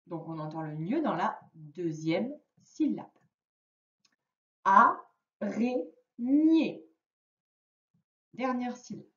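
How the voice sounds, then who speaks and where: A woman teaching a young child to read in a remote lesson, giving patient, clearly articulated instructions. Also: on the low side, expressive, a little slow, a little mellow. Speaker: primary school teacher. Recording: roomy, distant, dull lo-fi sound.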